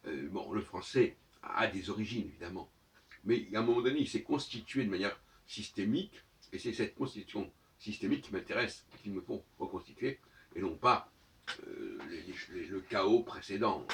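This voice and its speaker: A man giving a lecturing monologue on his own channel, professorial and argumentative, pausing on fillers while he searches for words. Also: low-pitched, lively intonation, fairly bright tone, recorded from a distance.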